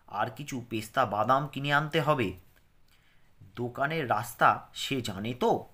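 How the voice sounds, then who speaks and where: A man teaches young pupils from a textbook, reciting its verse with a rhythmic lilt before explaining the words in plain terms. His voice is bright and forceful, and his pitch swings widely. He speaks like a patient classroom teacher. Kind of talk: reading aloud and explaining a children's textbook.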